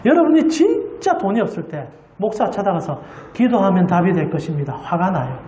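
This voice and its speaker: A woman's voice: fairly low pitch, very animated, brisk, dark tone, lo-fi sound. A woman pastor preaching a Sunday sermon with passion, putting rhetorical questions to the congregation. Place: church sanctuary. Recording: roomy church hall echo.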